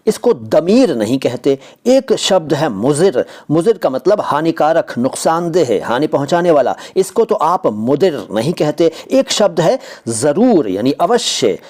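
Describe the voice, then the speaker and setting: A man's voice: a little high, darkish tone. A man from India, a language teacher explaining how words are pronounced, arguing his point with repeated rhetorical questions. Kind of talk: explaining word pronunciation to camera.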